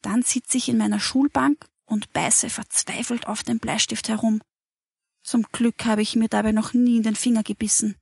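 A woman reading a calm, gentle mother. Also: on the high side, normal speed, gravelly, breathy edge, dry recording, studio quality. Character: kind, calm mother comforting a child.

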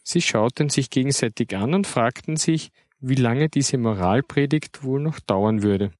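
A man narrating a children's story in a calm, even storytelling manner. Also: mid-range voice, unhurried, no room sound, studio quality.

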